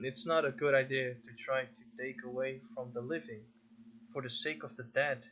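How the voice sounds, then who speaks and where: A man's voice: medium pitch, fairly bright tone, a little hiss or hum. Rambling man reading game text aloud. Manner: rambling, self-correcting, musing aloud. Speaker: gaming video host. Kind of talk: casual let's-play commentary, reading game text aloud. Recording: slightly dull lo-fi audio with faint game music.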